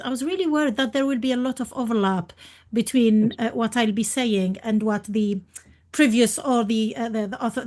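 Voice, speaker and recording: A woman from Algeria, giving a panel talk as a university lecturer over a video call. She hesitates a lot, with many fillers and restarts. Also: on the high side. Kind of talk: conference panel presentation.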